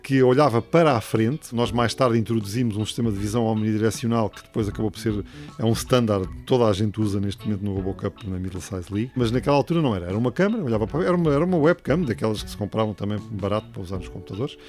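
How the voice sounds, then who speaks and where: A man's voice: lowish voice, racing, a little mellow, faint music behind. A middle-aged man with a European Portuguese accent explains things step by step in an interview, hesitating and adding tag questions. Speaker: robotics professor, interviewee.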